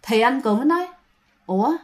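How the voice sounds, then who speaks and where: A woman with a Southern Vietnamese accent tells a ghost story in a chatty, conversational way. She keeps turning to speak to her listeners, and her voice sits high for a woman. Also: animated, moderate pace. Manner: chatty, addresses the listeners often.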